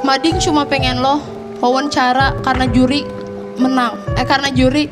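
A young woman playing an eager, persistent, lovestruck high school girl in a stage parody. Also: steady tone, moderate pace, lightly acted. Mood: eager, insistent. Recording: live stage, loud music and crowd.

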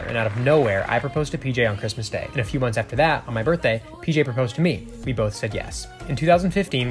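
A man narrating his couple's story in scripted, rehearsed form. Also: mid-range voice.

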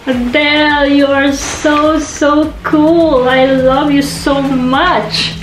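A high-voiced woman gushes her way through an unboxing vlog, gasping and exclaiming between slow, drawn-out words. The room is echoey, with faint music playing underneath. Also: fairly even intonation. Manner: gushing, exclamatory, keeps gasping and saying oh my God. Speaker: vlogger.

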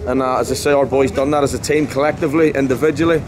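Rapid-fire and fairly even in intonation, a mid-range male voice belongs to a football manager in his forties being interviewed after a match outdoors at night. He comes across blunt, passionate, emphatic and repetitive, the handheld mic close, with faint outdoor noise.

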